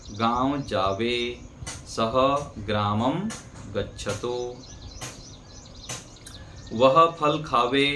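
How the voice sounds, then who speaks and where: A man teaching Sanskrit grammar in a slow classroom lesson, patiently repeating sentences word by word. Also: mid-range voice, fairly bright tone. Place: ashram classroom with birds outside. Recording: faint background noise.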